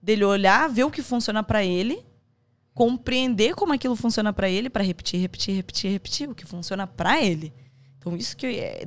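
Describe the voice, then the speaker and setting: A woman with a Brazilian accent, speaking as a podcast guest about her courses and acting out the advice she quotes. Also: medium pitch. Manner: animated, acts out quoted advice. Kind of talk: conversational interview.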